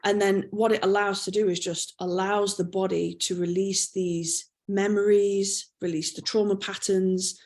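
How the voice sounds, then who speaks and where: A woman guest on an interview, calmly walking the listener through how the body holds and releases tension. Her pitch sits in an ordinary middle range. She explains patiently and keeps checking that you follow. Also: a little slow, few pauses. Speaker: trauma release exercise practitioner, interview guest.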